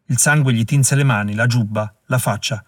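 A man narrating an audiobook in a measured way, slowing down at dramatic moments. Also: medium pitch, dry recording, clean studio sound. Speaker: audiobook reader.

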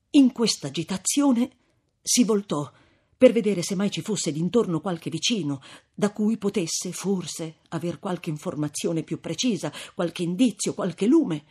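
A woman reading a classic novel aloud as narrator, with measured, expressive storytelling and a husky voice. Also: on the low side. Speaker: audiobook reader.

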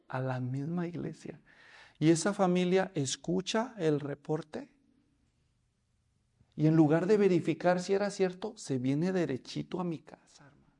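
A man's voice: fairly high pitch, dark tone. A man preaching a sermon, telling the story and asking the congregation questions. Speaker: pastor.

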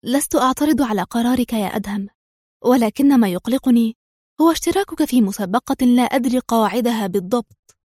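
Woman reading worried young woman pleading, fairly high voice, dry sound. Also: fast, mellow, dry recording, lightly acted. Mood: anxious. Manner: anxious and pleading. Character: worried devoted young woman, his partner.

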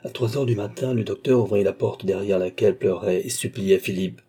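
A man narrating a classic novel as an audiobook in a steady literary reading. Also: fairly low pitch, a little fast, breathy edge. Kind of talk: scripted narration.

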